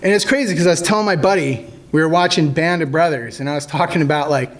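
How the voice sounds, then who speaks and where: A man in his thirties, an army veteran, telling stories casually to a group, joking and halting with many fillers. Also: on the high side. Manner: jokey, animated when acting out quotes.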